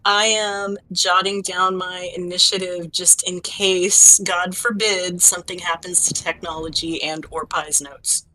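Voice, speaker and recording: A woman playing in a tabletop game, speaking in an unhurried, dry way. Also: fairly low pitch, fairly even intonation, bright, forceful tone, rough recording. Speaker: player. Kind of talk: casual chat.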